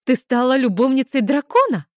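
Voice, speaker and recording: Ayla: a woman reading as a loud, demanding young girlfriend in a storybook, high and bossy, dry close sound. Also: sing-song, moderate pace, no echo. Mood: curious, eager. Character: pushy excitable young woman friend. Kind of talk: audiobook character voice.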